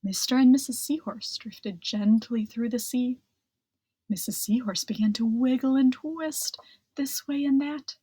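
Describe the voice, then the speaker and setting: A woman narrates a children's storybook in a fairly high, husky voice. She reads gently and expressively, stretching words for suspense. The sound is close and dry. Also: unhurried, no room sound, low-quality recording. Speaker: children's book reader.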